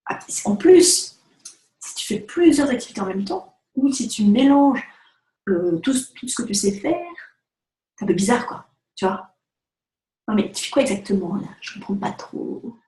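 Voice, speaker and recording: A woman talking casually to the camera as a vlogger and photographer, chatty and animated, filling her talk with asides and fillers. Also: mid-range voice, moderate pace. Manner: chatty, animated, direct address with many fillers. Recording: echoey room.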